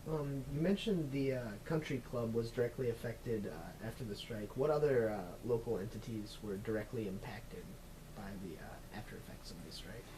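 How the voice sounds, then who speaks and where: A man's voice: medium pitch, lively intonation, moderate pace, warm tone, slight background noise, rough recording. A man asking questions as the interviewer in an oral history interview.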